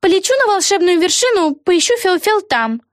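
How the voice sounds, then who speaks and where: A woman's voice: extremely high pitch, very animated, moderate pace, dry recording, studio quality, voice pushed up. A woman voicing a cheerful, scatterbrained young witch girl in a storybook reading, bubbly and sing-song. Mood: cheery.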